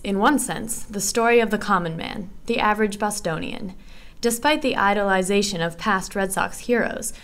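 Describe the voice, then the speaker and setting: A young woman narrating her student essay in a measured, earnest reading voice. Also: medium pitch. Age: young adult.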